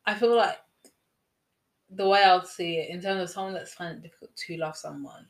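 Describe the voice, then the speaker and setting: A woman in casual chat with her sister, relaxed and agreeable, thinking aloud with fillers. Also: fairly low pitch, a little fast. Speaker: co-host, sister.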